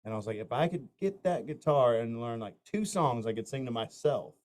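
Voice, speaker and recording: Animated and a little fast, a north Florida country singer rambles through anecdotes in a casual interview, restarting often and leaning on fillers. His voice sits in the mid-range with a darkish color.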